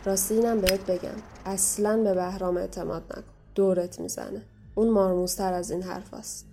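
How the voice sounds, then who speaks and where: A woman playing a mocking, menacing young waitress who talks down to people and gives sharp warnings, in an audio drama. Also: mid-range voice, steady tone, soft background music, close to an everyday voice. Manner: scornful, taunting, bossy. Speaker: guest voice actor.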